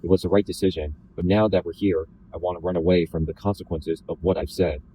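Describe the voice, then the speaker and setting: A man reading a first-person novel aloud in a deliberately flat, slightly robotic delivery. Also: sits low, a little hiss or hum, poor audio. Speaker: reader.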